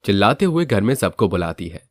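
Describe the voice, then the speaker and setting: A man with a low voice narrates a cartoon family drama in an even, scripted storytelling tone. The sound is dry and close to the mic. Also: brisk, no room sound.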